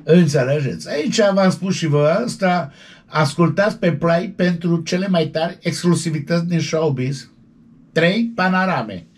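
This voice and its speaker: A man giving animated showbiz gossip commentary, colloquial and excitable, with yelping interjections. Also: on the high side, slightly rough.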